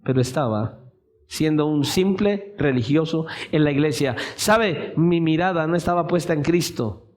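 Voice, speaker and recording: A male preacher with a high-pitched voice delivers a sermon in a church. He speaks with fervor, and his voice climbs into shouted appeals. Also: normal speed. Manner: impassioned, rising to shouted pleas.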